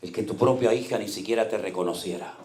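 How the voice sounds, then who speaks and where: A middle-aged man, a pastor, preaching a sermon and telling personal stories, swinging from loud exclamations to hushed quiet. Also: on the low side, quick pace, reverberant, a little hiss or hum.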